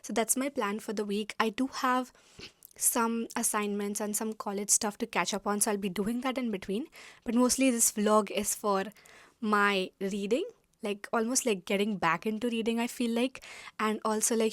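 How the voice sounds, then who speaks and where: A woman's voice: on the high side, fairly even intonation, normal speed, no echo, studio quality. A young woman from India vlogging casually to camera from her room, chatty and full of fillers. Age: young adult.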